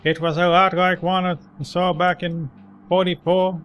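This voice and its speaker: A man's voice: sits high, flat delivery, measured pace, smooth, dull audio, pitched above the performer's own voice. A man voicing a blunt, suspicious old homeless man from a video game, irritable and slangy. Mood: matter-of-fact. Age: older. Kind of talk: video game character read aloud.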